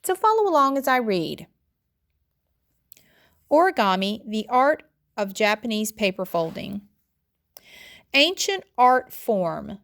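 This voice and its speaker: In the manner of a classroom lesson, a woman with a fairly high, gravelly, slightly bright voice reads aloud, very animated yet deliberate, guiding students through the text phrase by phrase. Now and then she stumbles on a word and corrects herself.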